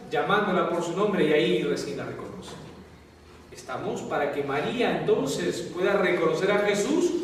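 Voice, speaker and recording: A man's high-sitting voice, with slight background noise, belongs to a priest with a Peruvian Spanish accent teaching a Bible class. He keeps asking the students check-in questions, recorded far from the mic in a very echoey classroom or lecture hall.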